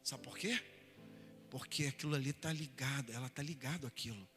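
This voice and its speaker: A man with a Brazilian Portuguese accent, a pastor preaching a sermon in a church hall and acting out everyday examples with lively energy. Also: medium pitch, a little fast, slightly rough, faint music behind.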